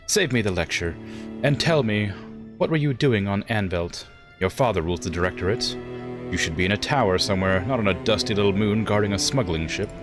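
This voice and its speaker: A man's voice: on the low side, brisk, music in the background, close to an everyday voice. A man voicing a wry, plain-spoken mercenary commander while reading video game dialogue aloud. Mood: unimpressed.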